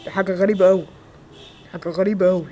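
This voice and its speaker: A man with an Egyptian Arabic accent acting several everyday roles in a homemade skit, with quick, exclamatory lines. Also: high voice, level tone, slight background noise, close to an everyday voice. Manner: quick, loud, exclamatory dialogue. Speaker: amateur actor.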